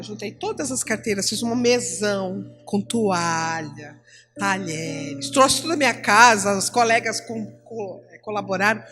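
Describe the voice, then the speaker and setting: A middle-aged Brazilian woman teaching at church, telling classroom stories and acting out the dialogue in a lively way. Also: medium pitch. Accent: Brazilian Portuguese. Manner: animated storytelling, acting out dialogue.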